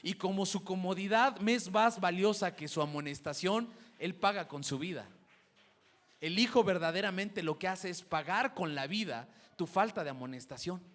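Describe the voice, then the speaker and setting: A man's voice: high voice, animated, moderate pace, fairly bright tone. A man preaching a sermon, telling a classroom story and acting out the parents he quotes. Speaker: preacher and schoolteacher.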